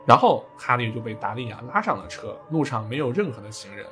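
A man's voice: mid-range voice, very animated, fast, a bit bright, soft background music. Chatty man retelling a game story. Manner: chatty, jokey asides. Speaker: podcast storyteller.

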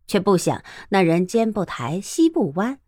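Lively woman narrating a story. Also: medium pitch, measured pace, no room sound, studio quality. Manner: lively, expressive. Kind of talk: audiobook storytelling.

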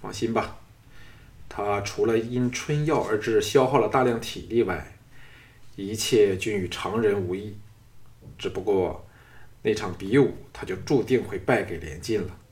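A man's voice: fairly low pitch, unhurried, darkish tone, natural voice. A man voicing a lecherous, scheming middle-aged nobleman who talks in a leering, commanding way. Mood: cold, sneering.

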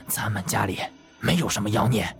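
A man doing a hushed, worried old official. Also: lively intonation, a little slow, faint music behind. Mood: anxious. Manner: hushed, sighing, low and urgent.

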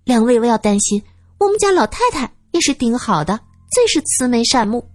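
A woman's voice: on the high side, very animated, a little fast, no echo, pitched above the performer's own voice. A woman voicing a chatty young maidservant who praises her household earnestly. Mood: eager.

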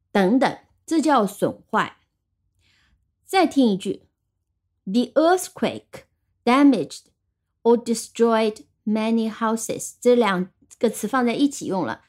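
A woman teaching English vocabulary on a podcast, explaining in Chinese and reading English example sentences slowly, spelling words out letter by letter. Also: fairly high pitch.

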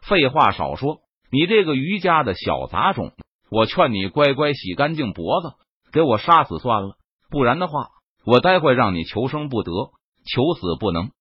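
A man's voice: mid-range voice, very animated, normal speed, slightly rough, no echo. A man voicing a cruel, sneering male guard captain who threatens his prey, in a dull, dry recording. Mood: menacing.

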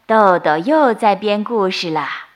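A woman voicing a mother who calls her child loudly and teases fondly in a bedtime story. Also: medium pitch, lively intonation, measured pace, lightly acted. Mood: calling. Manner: loud calling, teasing.

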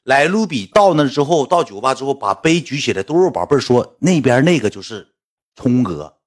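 A man with a Northeastern Chinese accent casually telling stories to his livestream viewers and acting out the voices of the people in them. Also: fairly quick. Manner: animated, acts out quoted voices with big pitch jumps.

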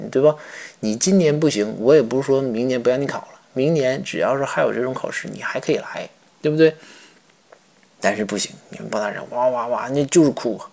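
A man's voice: mid-range voice, creaky. A man playing a tipsy, rambling emperor. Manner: rambling, repetitive, halting.

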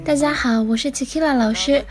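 A woman English teacher giving a spoken lesson, explaining phrases and repeating them slowly. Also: high voice, over music.

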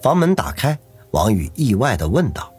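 A man reads a novel aloud as its narrator, his voice low and very husky. He tells the story steadily, with a lively rise and fall, over faint background music. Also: moderate pace. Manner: steady storytelling, doing every character. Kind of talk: audiobook narration.

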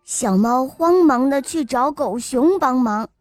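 High-voiced woman reading a children's story. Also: animated, measured pace, dry recording. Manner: warm, sing-song address to children. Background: faint music.

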